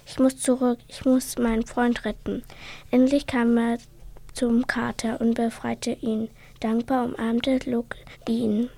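A woman reading a children's bedtime story aloud, softly and partly in a whisper. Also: a little high, little pitch movement, slow, creaky, no echo.

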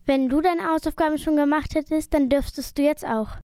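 A woman's voice: sits high, fairly even intonation, brisk, mellow, dry recording, clean studio sound, natural voice. A woman reading a story aloud, voicing a strict mother telling off her younger daughter. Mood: stern. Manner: strict scolding. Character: stern caring mother.

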